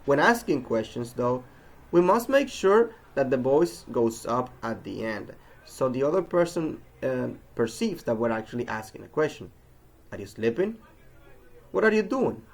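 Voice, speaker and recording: Gravelly man with a lively teaching voice. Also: medium pitch, rough recording. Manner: deliberate, demonstrates sounds slowly with example words. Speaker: pronunciation teacher. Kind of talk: recorded English pronunciation lesson.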